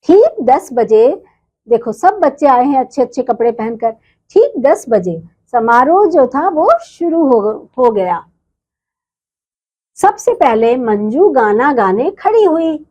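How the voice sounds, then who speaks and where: A woman's voice: high voice, very animated, slow pace, warm tone. A woman teacher reading a storybook lesson to young children, explaining and repeating words for them.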